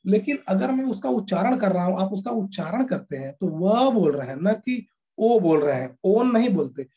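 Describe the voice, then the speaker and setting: A man teaching a grammar lesson to children, explaining step by step and repeating each word slowly. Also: sits high, lively intonation, warm tone, husky.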